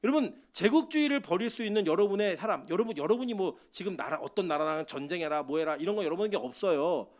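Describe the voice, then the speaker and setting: A middle-aged male pastor preaching a sermon from the pulpit of a church, switching between loud exhortation and quiet asides. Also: sits high, lively intonation, fast talker, hardly any pauses.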